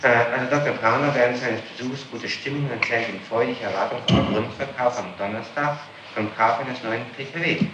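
A man with a medium-pitched voice, talking a little fast, questions as a public prosecutor in a formal interrogation, insistently and methodically setting out what witnesses said. The highs are cut off on this noisy, echoey 1960s archive tape made in a reverberant room.

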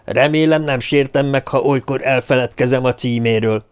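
A man's voice: mid-range voice, steady tone, clear, resonant tone, close to an everyday voice. A man voicing a hearty, gray-haired male army colonel who talks boisterously, in an audiobook. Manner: boisterous, exclaiming.

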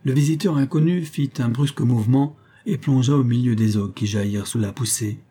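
Husky, mellow man narrating a story. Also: medium pitch, fairly quick. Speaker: audiobook narrator. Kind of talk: scripted narration.

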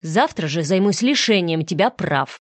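A woman's voice: fairly low pitch, lively intonation, moderate pace, dry recording. A woman reading an audiobook, voicing a stern, protective father who speaks curtly and coldly through gritted teeth. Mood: harsh. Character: stern protective young father, harsh and cold.

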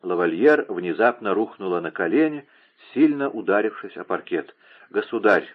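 Мужчина читает вслух художественный роман размеренно. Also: male voice, low voice, animated, moderate pace. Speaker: audiobook narrator. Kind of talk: scripted narration. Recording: narrow phone-like lo-fi sound.

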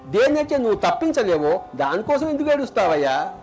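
High-voiced Telugu-accented spiritual teacher. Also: male voice, very animated, a little mellow, soft background music. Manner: rhetorical questions, repeats lines for emphasis; chants Sanskrit verses slowly, drawn out. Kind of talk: spiritual discourse.

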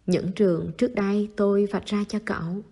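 A woman reading the part of a calm, reserved teenage boy who talks low-key and teases dryly. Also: fairly quick, close to an everyday voice.

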